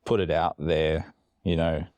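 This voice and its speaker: A man's voice: steady tone, a little slow, a little mellow, dry recording. A man co-hosting a casual podcast chat, rambling with fillers and restarts, a bit woozy from medication. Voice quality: very low, gravelly voice. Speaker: podcast co-host.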